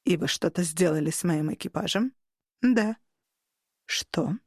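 A reserved male android starship captain, as a woman reader puts him on, speaking lower and softer than her narration. His delivery is earnest and polite. The audiobook sound is dry, close and free of room echo. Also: lively intonation, a little slow, husky. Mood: subdued. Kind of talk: audiobook character reading.

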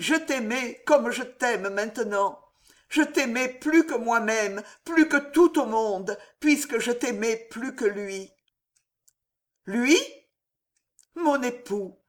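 A woman's voice: fairly high pitch, slow, pitched above the performer's own voice. A woman reading aloud and voicing a grave, sorrowful mother who speaks to her daughter in a solemn, hesitant way. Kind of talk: audiobook character voice.

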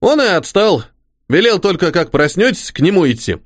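A man's voice: high voice, very animated, moderate pace, no echo, studio quality, voice pushed up. A man voicing a devoted, old-fashioned soldier-servant who talks in a folksy, fussing way. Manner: rustic folksy speech, fussing and eager. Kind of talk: audiobook character voice.

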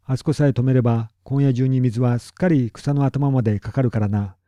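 A man's voice: mid-range voice, steady tone, fairly quick, dark tone, no echo, natural voice. A man reading as a proud, stubborn old-school farmer. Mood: gruff, determined. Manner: blunt and boastful. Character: proud, stubborn middle-aged male big farmer. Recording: dull lo-fi recording.

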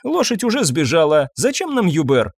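A man's voice: fairly high pitch, huge pitch swings, normal speed, vocal fry, breathy edge, no room sound, clean studio sound, exaggerated voice. A man playing a scornful lady of the house. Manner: scornful, cutting. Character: cold, contemptuous aristocratic wife.

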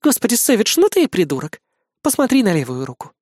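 Guy doing a squeaky bossy young woman, snaps and teases, dry close audiobook sound. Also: wildly swooping pitch, fast talker, a little mellow, no room sound, full character voice. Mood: mocking. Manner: scolding and mocking. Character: brash young woman fighter, sharp-tongued and hot-tempered.

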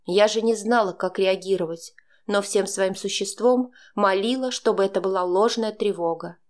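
A woman narrating a dramatic first-person audiobook in a measured storytelling manner. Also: mid-range voice.

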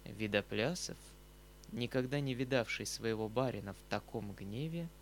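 A man reading a classic novel aloud as an audiobook narrator, measured and expressive. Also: on the low side, a little hiss or hum. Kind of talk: scripted narration.

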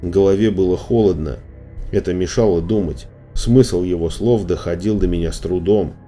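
A man narrating a storybook in a steady, measured reading voice. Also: deep voice. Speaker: audiobook reader. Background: faint music.

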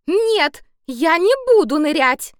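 A woman's voice: sits high, big pitch swings, drawn-out words, sharp tone, no room sound, studio quality, pitched above the performer's own voice, full character voice. A woman voicing a stubborn young girl in a storybook reading, grumbling and indignant.

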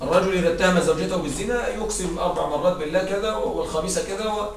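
A man teaching an Arabic grammar lesson in a classroom, often asking his students whether they follow, and reciting verses slowly and drawn out. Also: sits high, vocal fry. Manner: checks understanding with frequent "right?". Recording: echoey room, distant mic, faint hiss.

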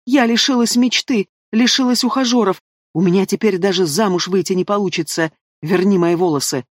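A man voicing a spiteful young woman, a bald and tearful sister who screams and snaps in a shrill voice. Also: fairly quick, no room sound, clean studio sound. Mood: shrieking.

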